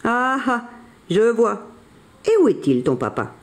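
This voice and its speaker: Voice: mid-range voice, sing-song, measured pace, voice pushed up. A reader doing a big, kindly bison. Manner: gruff, teasing, chuckling. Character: big good-natured bison, gruff but kind. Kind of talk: storybook read-aloud.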